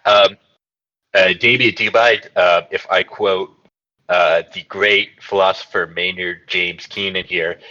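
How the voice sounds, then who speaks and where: Low-voiced man, mock-serious podcast co-host. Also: fairly even intonation, sharp tone, lo-fi sound. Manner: mock-serious, halting with many uh fillers. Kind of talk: satirical comedy podcast chat.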